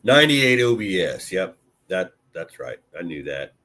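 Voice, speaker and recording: This Illinois man has a deep, sing-song voice that's pushed and bright, at a moderate pace. He chats loosely with his live-stream audience, meandering with lots of fillers and a little swearing.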